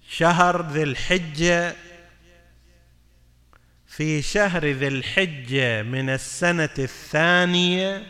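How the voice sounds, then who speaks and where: A man's voice: a little high, bright, forceful tone. Man preaching in a reverberant hall. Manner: mixes formal Arabic with colloquial asides, asks listeners questions. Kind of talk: religious lecture.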